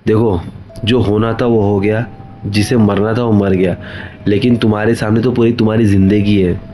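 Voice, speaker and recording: A man's voice: lowish voice, little pitch movement, normal speed, warm tone, a little hiss or hum, close to an everyday voice. A man voicing an earnest young male commuter who pleads and then scolds in a horror tale, in his own everyday voice. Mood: pleading.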